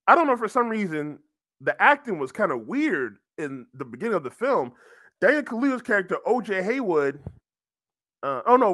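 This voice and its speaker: Dude doing a casual movie review, high bright voice, lots of restarts and slang. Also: male voice, no echo, clean studio sound.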